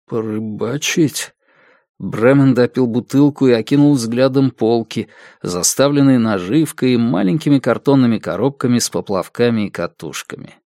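A man reading an audiobook with measured, even storytelling narration. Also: medium pitch, dry recording, clean studio sound. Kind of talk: scripted narration.

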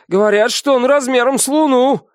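A man's voice: extremely high pitch, normal speed, smooth, dry recording, clean studio sound, voice pushed up. A man voicing an out-of-breath male first mate on a ship, reporting news urgently. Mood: breathless, urgent.

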